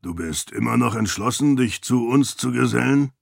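A man voicing a gruff middle-aged uncle with a raspy voice, in an audiobook reading. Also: medium pitch, expressive, normal speed, no room sound, clean studio sound. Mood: curt. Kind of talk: audiobook character voice.

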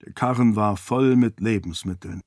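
A man narrating an audiobook in a steady, measured reading. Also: lowish voice, no echo, studio quality. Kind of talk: scripted narration.

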